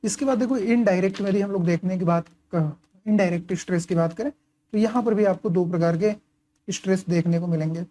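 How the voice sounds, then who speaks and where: A man's voice: fairly quick, dark tone. A man tutoring engineering students in a casual lecture, often posing questions and answering them himself while checking in with "okay" and "right". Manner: keeps asking and answering his own questions, frequent "okay" and "right" check-ins; writes and highlights while talking. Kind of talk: casual lecture explaining course material.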